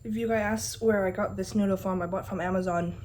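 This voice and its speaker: A woman's voice: medium pitch, steady tone, fast, a little mellow. Woman food vlogger, exasperated, noisy recording. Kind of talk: casual chat to viewers while eating.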